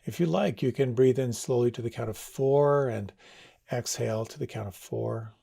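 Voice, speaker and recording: A man leading a guided meditation, giving slow, soft, soothing instructions. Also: mid-range voice, gravelly, husky.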